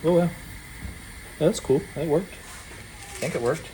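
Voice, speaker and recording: A man in his thirties hosting a casual home vlog, relaxed and thinking aloud as he works outdoors on a cold evening. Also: a little high, takes it slowly. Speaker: channel host and dad. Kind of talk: casual hands-on vlog chat. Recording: noisy outdoor camera recording.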